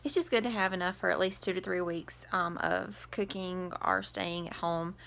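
A woman's voice: on the low side, fairly even intonation, normal speed, creaky, fairly bright tone. A young woman from the South, chatting casually through a grocery haul vlog with plenty of ums. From American South. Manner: chatty, advice-giving, many ums. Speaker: vlogger. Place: home kitchen, indoors.

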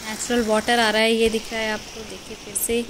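A cheerful woman vlogs on a mountain trail near a waterfall, acting as a guide and pointing things out to viewers as she walks. She speaks in a slightly high, level voice. The phone picks up rushing water throughout the outdoor recording.

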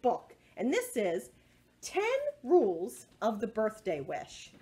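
A middle-aged woman runs a children's storytime with read-alouds and action songs, speaking in a playful, sing-song way at a slow pace. Her medium-pitched voice is dark in tone and very animated. It was captured indoors by a device some distance away.

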